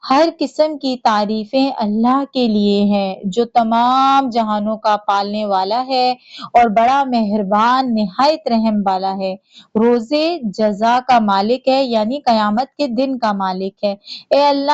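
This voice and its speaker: A woman with a Pakistani Urdu accent teaching Quran recitation. She recites slowly and carefully, then explains the pronunciation patiently. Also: fairly high pitch, no echo, highs cut off. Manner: slow, measured recitation alternating with patient instruction.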